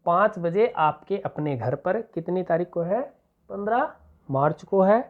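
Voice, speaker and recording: A man with a Rajasthani accent teaching an exam-prep lesson, dictating slowly and often checking that students understand. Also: sits high, expressive. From Rajasthan, India. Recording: tinny phone-like recording.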